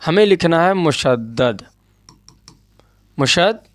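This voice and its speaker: A man's voice: a little high, animated, dry recording, studio quality. Patient man teaching Urdu grammar. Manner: patient, repeats points, checks understanding with asides. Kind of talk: board lesson explaining grammar.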